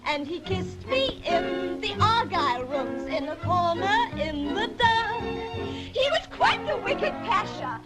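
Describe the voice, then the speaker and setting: A woman's voice: extremely high pitch, very animated, slow, few pauses, full character voice. A woman playing a saucy Victorian music-hall singer, performing a comic song. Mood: cheeky. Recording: old film soundtrack, loud music.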